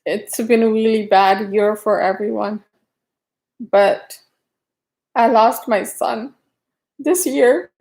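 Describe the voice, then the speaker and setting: Middle-aged woman, livestream host, unhurried and halting, greets viewers one by one, slightly high voice. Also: steady tone, gravelly, a little mellow, poor audio. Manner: greets viewers by name, talks haltingly with restarts. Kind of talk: casual livestream chat.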